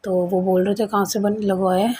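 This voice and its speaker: A woman's voice: mid-range voice, little pitch movement, fairly quick, dark tone, a little hiss or hum. A woman earnestly recounting a personal experience to a congregation, in a casual storytelling way with retold dialogue. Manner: earnest, conversational, retells quoted dialogue. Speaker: devotee sharing experience.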